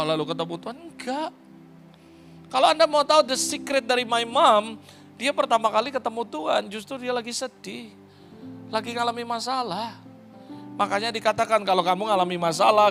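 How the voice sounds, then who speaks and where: A man preaching a sermon as pastor, passionate and often rising to loud, high exclamations, slipping English phrases into his talk.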